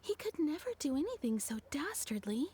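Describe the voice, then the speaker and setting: A woman voicing a kindly townswoman in a video game, telling a story in a measured, gently amused way. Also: high-pitched, very animated. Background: soft game music.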